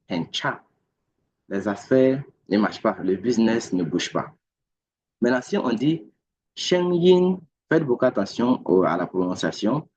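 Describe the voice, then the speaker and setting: A man's voice: fairly low pitch, darkish tone, breathy edge. A man teaching a recorded language lesson, patiently repeating each word and explanation. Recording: dull lo-fi recording.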